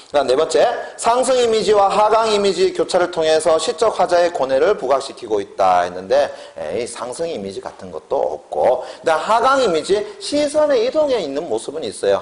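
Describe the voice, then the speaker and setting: A man giving an exam-prep lecture. He keeps firing questions at his students and sometimes acts out quotes. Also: mid-range voice. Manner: lively, questioning, drills students with repeated prompts; breaks into acted quotes.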